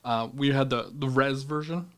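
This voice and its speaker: A man co-hosting a podcast, talking casually and bluntly in a low-key voice that people take for grumpy, often laughing through his stories. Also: normal speed, clean tone. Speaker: podcast co-host. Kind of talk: casual chat.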